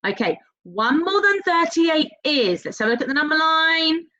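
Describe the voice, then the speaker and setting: Teaching primary school maths on a recording, a woman talks right to young children, encouraging them in sing-song fashion with drawn-out key words and leading questions. Her voice sits high and is bright, forceful and sing-song. The recording has a dull, lo-fi quality.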